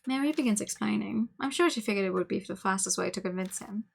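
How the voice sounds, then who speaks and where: A playful, expressive woman game streamer reading a visual novel aloud, with casual asides to chat. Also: medium pitch, fast, gravelly, husky.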